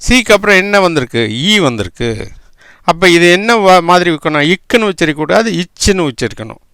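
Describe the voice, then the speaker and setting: A man's voice: sits high, very animated, fairly quick, fairly bright tone, clean tone, no room sound, clean studio sound. A man teaching English spelling and pronunciation, spelling words out letter by letter and often checking with "right?".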